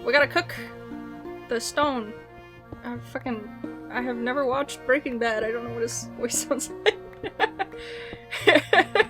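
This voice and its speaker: A young woman chatting casually while playing a game, giggling often and rambling with restarts. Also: on the high side. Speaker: gaming video creator. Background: faint game music.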